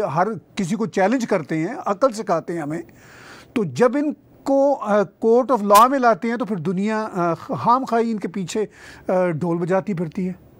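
A man's voice: high voice, no echo. Opinionated male talk show host. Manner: pointed, opinionated framing of questions.

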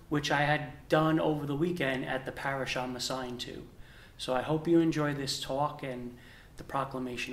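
A young man, a deacon and seminarian, reading the gospel and preaching in a measured, earnest way with emphatic pauses. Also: on the high side, a bit bright. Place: indoor chapel with a stone wall. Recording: echoey chapel room.

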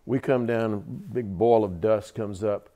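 A Southern-accented man in his seventies from Georgia, USA, speaks slowly in a fairly low, mellow voice. A veteran guest in a storytelling interview, he recounts his stories vividly and repeats words for emphasis.

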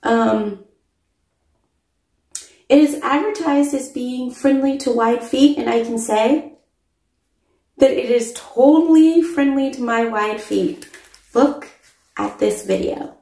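A woman's voice: high voice, takes it slowly, long pauses, mellow, echoey room. A middle-aged woman in a casual product review vlog, enthusiastic and emphatic, repeating words for stress, recorded on a phone camera in a small indoor room. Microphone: phone camera mic at close range.

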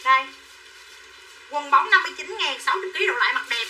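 A woman's voice: sits high, animated, fast, bright, forceful tone. A woman running a live sales stream, chattily calling out prices and buyer names and coaxing viewers to buy. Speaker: livestream clothing seller. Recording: distant mic with faint background noise.

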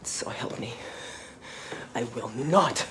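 A woman's voice: extremely low pitch, expressive, slow, fairly bright tone, a little hiss or hum, exaggerated voice. An actress playing a desperate but defiant wife and protective mother in a video game drama, pleading and firm. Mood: defiant, bitter.

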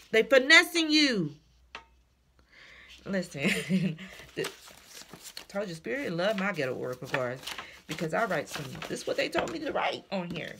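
A woman's voice: fairly low pitch, bright, forceful tone, slight background noise. A woman giving a casual tarot reading, blunt and slangy, swearing freely and repeating her warnings. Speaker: tarot reader.

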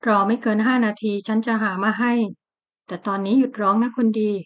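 A woman voicing a big, protective young man in an audiobook, speaking low and softly coaxing. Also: moderate pace, highs cut off, close to an everyday voice. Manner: lowered soft coaxing voice.

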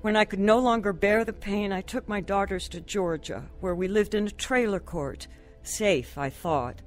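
A lead actress gives regretful first-person narration in a radio drama, earnestly confessing the life story of a troubled wife and mother. Her medium-pitched voice runs at normal speed, lightly acted, with faint music in the background.

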